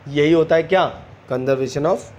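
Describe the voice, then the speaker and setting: A man's voice: on the high side, darkish tone. Man teaching physics, checking in often. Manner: asks students quick check questions, calls them beta; mixes Hindi and English. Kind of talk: online physics lesson.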